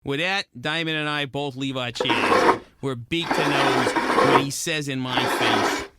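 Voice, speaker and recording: A man's voice: medium pitch, unhurried, loud music behind the voice, natural voice. A man playing a hot-tempered, wisecracking penguin private eye, narrating in clipped gumshoe slang for a noir radio play. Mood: wry narration. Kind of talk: noir narration, 1940s radio detective acting.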